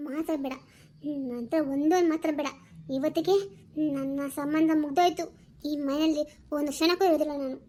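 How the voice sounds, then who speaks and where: A woman voicing a jealous, sharp-tongued young wife in an animated drama, scolding and accusing. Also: extremely high pitch, moderate pace, pauses often. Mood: furious.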